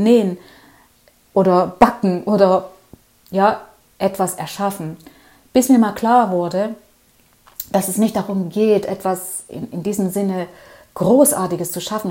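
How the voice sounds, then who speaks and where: A woman's voice: mid-range voice, dark tone. A woman hosting a motivational podcast, talking straight to the listener in a loose, earnest way with fillers and restarts. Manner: earnest, coaching, addresses listener directly with repeated "du". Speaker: podcast host.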